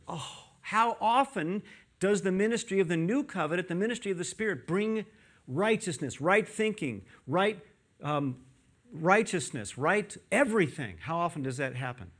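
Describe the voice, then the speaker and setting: Casting: male pastor, fairly high voice, lively, quizzes the congregation, quick jokes mid-sermon. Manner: animated, quizzing the congregation, joking asides. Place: church with a screen behind him.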